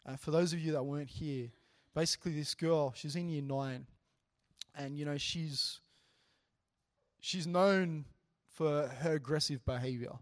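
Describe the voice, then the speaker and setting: A man's voice: a little high, measured pace. Earnest man telling a story in a casual sermon. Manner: earnest, animated, with frequent "you know" asides. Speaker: preacher sharing a testimony.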